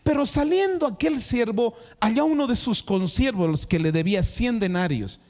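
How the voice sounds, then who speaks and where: Male pastor, high voice, emphatic preacher who talks straight to his congregation. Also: lively intonation, normal speed, a little mellow. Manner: emphatic, repeats words for stress; addresses the congregation directly. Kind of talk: sermon.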